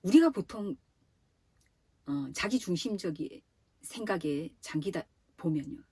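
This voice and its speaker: A woman preaching a sermon to a youth group. She speaks straight to her listeners in a lively teaching tone. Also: on the low side, measured pace, husky, no room sound. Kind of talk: sermon to teenagers.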